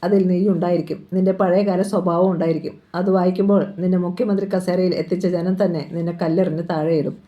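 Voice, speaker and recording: A woman reading the part of an elderly Gandhian man, loud and rebuking, in a storybook reading. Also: fairly low pitch, steady tone, fast talker, hardly any pauses, lo-fi sound, natural voice. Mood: angry.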